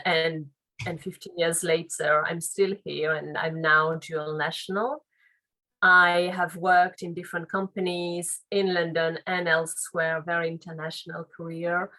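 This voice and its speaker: A woman's voice: lowish voice, sharp tone, rough recording. A woman in her late thirties from France, a native French speaker with a French accent, answering interview questions thoughtfully with loose phrasing and restarts. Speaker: guest, legal and compliance officer.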